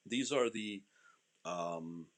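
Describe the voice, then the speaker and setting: A man with a deep, low-volume voice talks through a live stream as its host. His delivery is informal and rambling, like casual commentary on the markets given off the cuff. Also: drawn-out words.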